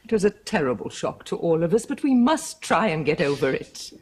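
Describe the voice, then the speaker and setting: A firm, well-bred lady of the house in a period TV drama, with a husky voice that rises and falls with lively expression. She issues crisp upper-class commands and softens into gentle comfort. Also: fairly low pitch, a little fast. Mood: soothing. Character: aristocratic lady of the house, firm yet kindly. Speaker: mistress of the house. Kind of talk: 1970s period television drama.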